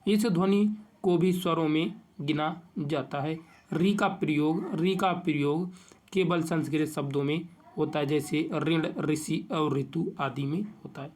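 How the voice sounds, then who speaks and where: A man teaching an exam-prep grammar lesson, reading out definitions and slowly stretching each vowel he lists. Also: fairly high pitch, fairly even intonation, darkish tone.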